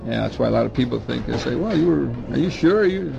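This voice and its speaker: An older man with a gravelly, creaky voice, recalling his past in a long, rambling interview. He often restarts and repeats words. A vehicle can be heard faintly behind him. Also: mid-range voice, lively intonation, quick pace, lo-fi sound. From Dominican Republic. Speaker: baseball scout. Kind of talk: oral history interview.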